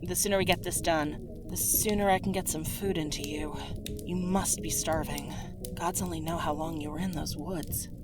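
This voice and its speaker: In a fantasy roleplay ASMR audio drama, a woman voices a caring but firm tavern woman, motherly, gentle, soothing and gently authoritative. Her low voice is close to an everyday one, with fairly even intonation and a moderate pace, and music plays in the background.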